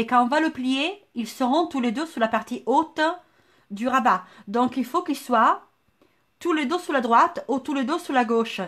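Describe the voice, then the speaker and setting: High-voiced woman with a southern French lilt. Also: a bit bright. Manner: chatty, thinks aloud, greets viewers by name. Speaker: scrapbooking tutorial host. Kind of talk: live craft tutorial.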